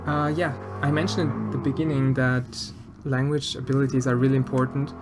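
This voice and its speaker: Over music, a man speaks a little fast in a mid-range voice that barely moves in pitch. He's an Austrian streamer with an Austrian German accent, sculpting while he answers chat in a hesitant, soft-spoken way full of fillers and restarts.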